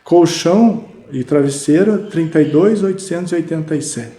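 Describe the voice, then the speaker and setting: A middle-aged Brazilian man with a Brazilian Portuguese accent, a podcast guest telling lively stories about his sales career, full of fillers. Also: on the high side, normal speed. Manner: animated, lively anecdotes with many fillers. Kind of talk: casual storytelling interview. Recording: roomy podcast studio.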